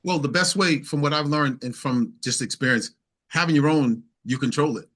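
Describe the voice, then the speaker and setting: Slightly high in pitch and a bit bright, this man speaks at a normal speed. As a guest being interviewed, the singer-songwriter shares stories in a casual, emphatic style, echoing phrases and quoting what people said.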